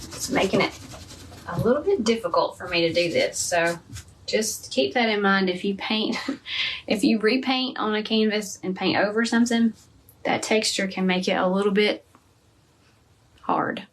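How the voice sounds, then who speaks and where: A woman's voice: mid-range voice, moderate pace, long pauses. Lady teaching painting live, chatty, talks to herself as she works, a bit far off the mic. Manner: chatty, thinking aloud while painting. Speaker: art teacher. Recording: from a distance, faint room noise.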